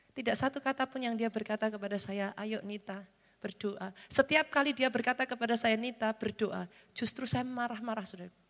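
A woman pastor, moving from fervent prayer to soft, confiding preaching. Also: a little high. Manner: fervent prayer with chanted tongues, then soft confiding talk. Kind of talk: sermon. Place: large church hall. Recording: reverberant church hall with music. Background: keyboard music.

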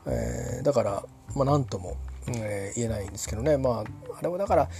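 A man's voice: mid-range voice, animated, quick pace, vocal fry, dark tone, soft background music. A man telling a casual anecdote in a rambling way, full of fillers and restarts.

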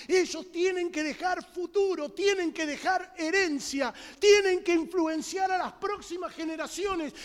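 A man preaching a sermon with passion, shouting for emphasis and telling humorous stories. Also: very high-pitched. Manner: impassioned, bursts into shouted emphasis; tells humorous stories to the congregation. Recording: long hall reverb.

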